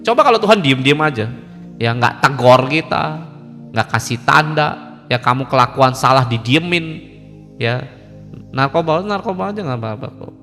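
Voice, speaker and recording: A man's voice: medium pitch, moderate pace, pushed and bright, faint music behind. A male pastor giving an informal, colloquial sermon, joking and acting out conversations as he preaches. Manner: colloquial, joking, acts out dialogues. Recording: long hall reverb.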